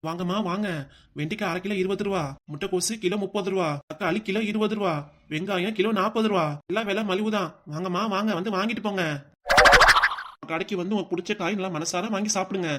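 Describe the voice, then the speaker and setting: A gruff vegetable seller at a market in a cartoon, played by a man, loud and forceful in his brisk delivery. He speaks a southern Tamil Nadu dialect. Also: high-pitched, fairly even intonation, heavy background noise, close to an everyday voice. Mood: hawking. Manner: loud hawking, then harsh scolding. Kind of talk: cartoon voice acting.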